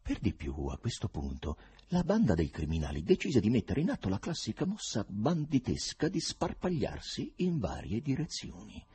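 A man reading a novel aloud in expressive, scripted storytelling. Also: on the low side, normal speed, breathy edge. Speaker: audiobook narrator.

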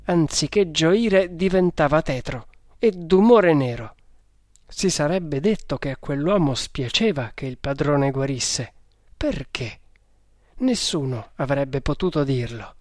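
A man reading an adventure novel aloud as narrator, slowly and in a measured way. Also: on the high side, darkish tone, no echo, studio quality. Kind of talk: audiobook reading.

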